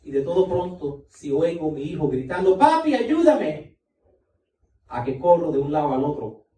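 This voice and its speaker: A man's voice: fairly high pitch, a little fast, mellow, roomy sound, far from the mic, poor audio. A male pastor preaching a sermon, emphatic, repeating key points and talking straight to the congregation.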